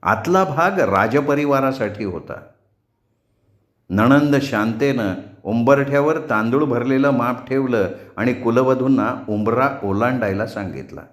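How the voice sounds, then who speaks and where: A male storyteller reading a novel aloud in a measured, descriptive way. He takes his time, with a very slow pace and a mid-range voice. The recording has a noticeable roomy echo. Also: medium pitch, expressive. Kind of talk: audiobook narration of a novel.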